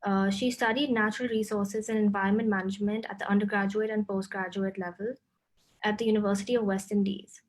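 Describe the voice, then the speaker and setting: A woman's voice: mid-range voice, flat delivery, fast talker, poor audio. A young woman moderating an online event, politely reading a guest's introduction with small slips.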